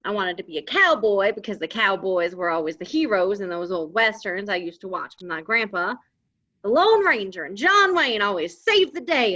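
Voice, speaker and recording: A woman's voice: medium pitch, sharp tone. A woman doing a folksy cowboy-drawl young man. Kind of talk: live script reading. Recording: dull lo-fi audio.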